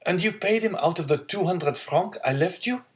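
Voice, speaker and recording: A man reading a classic storybook aloud acts out an eager young seafarer and loving son, pushing his voice well above the narration into a high, animated register at normal speed. The delivery is earnest and urgent, full of exclamation, concerned and distressed.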